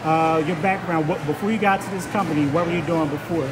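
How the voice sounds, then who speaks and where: A man in his forties hosts a casual interview, hyped and jokey in street slang. His voice sits a bit high. He talks into a phone in a big food court full of loud noise. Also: steady tone, fast talker. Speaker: interview host. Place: large indoor food court. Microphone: phone camera. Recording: busy hall, loud background noise.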